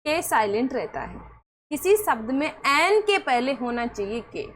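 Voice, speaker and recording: Slow, high-voiced woman teaching. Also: big pitch swings, fairly bright tone. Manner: patient, repeats rules and keeps checking if students understood. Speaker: English teacher. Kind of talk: classroom lesson.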